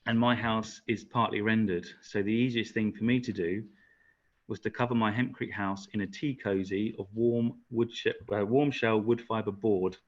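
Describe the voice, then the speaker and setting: A man's voice: lowish voice, steady tone, normal speed. A man presenting his own building work in a webinar, plain and practical, with frequent fillers. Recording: dull lo-fi call audio.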